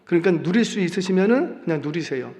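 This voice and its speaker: A middle-aged male pastor preaching in a church, animated and often putting questions to the congregation. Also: high voice, quick pace. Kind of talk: sermon. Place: church sanctuary. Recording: long church reverb.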